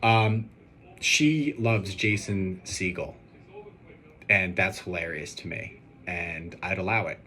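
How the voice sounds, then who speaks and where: Taking his time in a low voice, a young man answers questions for a personal video ahead of his wedding. He's earnest, hesitant and prone to rambling, and the background noise stays steady.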